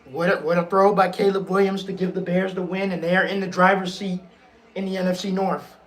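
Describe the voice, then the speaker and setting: Casting: hoarse, high-voiced man hosting a live sports watch stream, excitable and swearing. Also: fairly quick, a crowd in the background. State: hoarse, losing his voice. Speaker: stream host.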